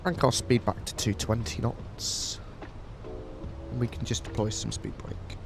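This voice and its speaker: Over music, a man livestreaming a flight sim talks casually as he flies, his nose blocked from a cold. He's chatty and friendly, thanking viewers by name, in a medium-pitched voice with fairly even intonation, a measured pace and vocal fry.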